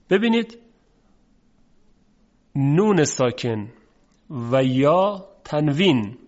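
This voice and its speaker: Patient male recitation teacher, slightly high. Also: a little mellow, lo-fi sound. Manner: explains patiently, recites examples slowly and drawn out. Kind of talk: recorded lesson explanation.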